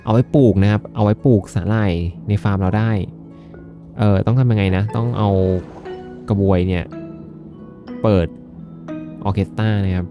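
A man's voice: on the low side, muffled recording. A man giving chatty, jokey let's-play commentary with polite sentence endings as he plays a farming game. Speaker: gaming video host.

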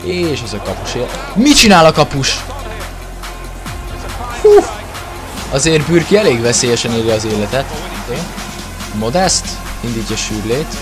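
A Hungarian man commentates his own football video game in an excited, exclamatory way. His voice sits at a medium pitch, and music plays clearly behind him. He stretches words as he follows the play. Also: long pauses. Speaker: gaming video creator commentating own match.

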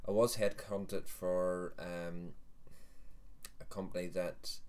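A man's voice: low-pitched, level tone, slow pace, darkish tone. A Northern Irish man in his thirties, hosting a casual livestream chat. He rambles, corrects himself and jokes. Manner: rambling, self-correcting, jokey. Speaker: host of a vaping livestream.

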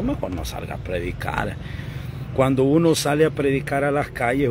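A man preaching a lively, joking sermon as a pastor, now and then singing snatches of hymns. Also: mid-range voice, noisy background. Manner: animated, joking, sings snatches. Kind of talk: lively live-stream sermon.

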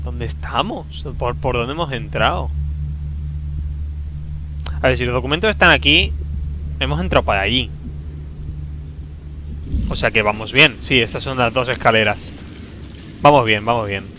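A man from commentating a video game he is playing, talking to himself, with a sore throat, excitable and prone to loud outbursts. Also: mid-range voice, normal speed, long pauses, a little hiss or hum, rough recording. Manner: excitable, talks to himself, bursts into loud exclamations. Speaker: gameplay commentator. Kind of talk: let's play commentary.

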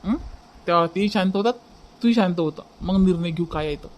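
A man voicing a caring young brother in a cartoon dub, with a Varhadi Marathi accent, questioning and calming his family. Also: sits high, brisk, close to an everyday voice. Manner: surprised questioning, then calming. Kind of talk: cartoon dubbing.

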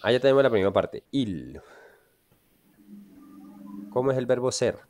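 An animated, slightly mellow mid-range voice at normal speed belongs to a man with a Colombian Spanish accent. He runs an online English lesson, often pausing to ask whether his students are following.

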